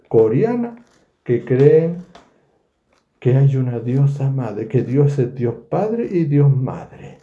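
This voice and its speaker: A man's voice: mid-range voice, vocal fry. A man teaching a verse-by-verse Bible study, speaking animatedly and acting out the scenes he describes. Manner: animated, acts out the scripture scenes. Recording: echoey, dull lo-fi room recording.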